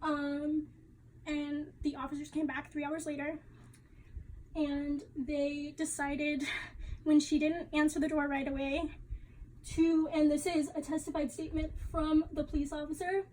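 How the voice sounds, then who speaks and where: A woman's voice: high-pitched, level tone, unhurried, mellow, slight background noise, low-quality recording. A young woman giving a class presentation, talking casually and chattily with fillers and the odd laugh. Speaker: student presenter.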